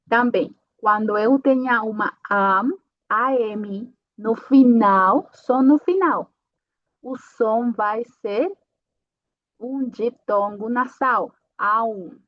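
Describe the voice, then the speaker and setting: A woman's voice: on the high side, extremely slow, pauses often, no echo, lo-fi sound. A woman teaching a pronunciation lesson. She explains step by step and checks in with her learners after each point. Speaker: language teacher.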